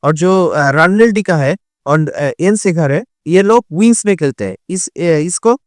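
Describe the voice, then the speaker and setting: A man's voice: a little high, lively intonation, a little slow, dry recording, studio quality. A man giving casual football analysis, hesitant with many fillers and restarts. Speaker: football commentator.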